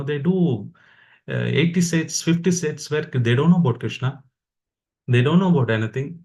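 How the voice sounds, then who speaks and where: This man has a mid-range, darkish voice and an Indian accent. Speaking as a fellow practitioner, he delivers a casual devotional talk that exhorts and motivates his listeners in a conversational tone.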